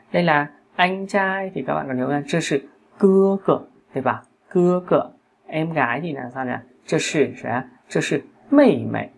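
A man's voice: medium pitch, gravelly, a little hiss or hum. A male Chinese teacher giving a patient, repetitive lesson and often checking in with "hả?". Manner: patient, repeats words, frequent "hả?" checks. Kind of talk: classroom lesson.

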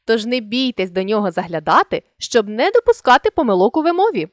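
A woman's voice: a little high, sing-song, no room sound, clean studio sound. A woman teacher giving a children's language lesson, sounding out words syllable by syllable. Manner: slow, syllable-by-syllable dictation.

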